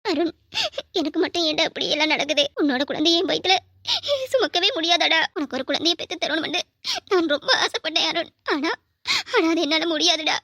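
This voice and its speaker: A woman's voice: sits high, fairly even intonation, fairly quick, pushed and bright, no echo, clean studio sound. A woman voicing a young married wife who pleads tearfully because she cannot have a child, in a cartoon drama. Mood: grieving.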